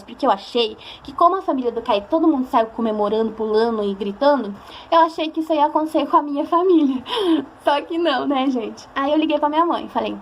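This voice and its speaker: A woman's voice: high voice, a little hiss or hum. A young woman with a Brazilian accent, telling a personal story to her viewers in a chatty, emotional way and acting out the voices of people she quotes. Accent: Brazilian Portuguese. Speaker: vlogger.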